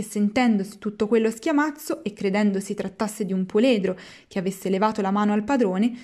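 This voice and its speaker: A woman narrating a storybook in a measured, expressive read-aloud. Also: medium pitch. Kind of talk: storybook reading.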